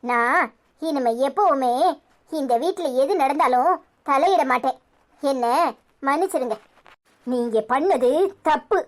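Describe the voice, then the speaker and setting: A woman's voice: high voice, measured pace, pauses often. A woman voicing a defiant young daughter-in-law in a cartoon serial, speaking firmly and reproachfully with a Tirunelveli Tamil accent. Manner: firm and reproachful.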